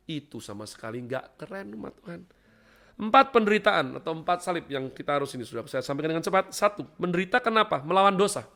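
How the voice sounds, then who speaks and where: A middle-aged man preaching a sermon in church, swinging between loud exclamations and hushed asides as he keeps calling out to the congregation. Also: on the high side. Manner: keeps addressing the congregation as "saudaraku". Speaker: pastor.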